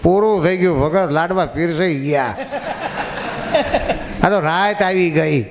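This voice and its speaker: A man's voice: a little high, slow pace, music in the background. A man, a monk, giving a devotional sermon to a gathering, telling stories with little acted dialogues and chatting and joking with the audience. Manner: chatty, questions and teases the audience; acts out short dialogues in stories. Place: religious gathering in a park. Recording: reverberant public address with faint background noise.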